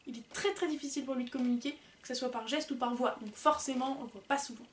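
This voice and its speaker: A woman's voice: high-pitched, fast talker, echoey room, far from the mic, a little hiss or hum. A woman chatting casually and rambling as she reviews books, with many fillers. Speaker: book vlogger. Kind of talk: casual book review chat.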